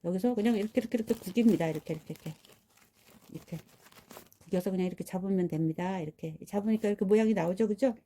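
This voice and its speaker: A woman's voice: mid-range voice, very fast, mellow. A woman, a florist, giving a casual hands-on tutorial and chatting viewers through each step while she works. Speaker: florist demonstrating flower wrapping. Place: rural home.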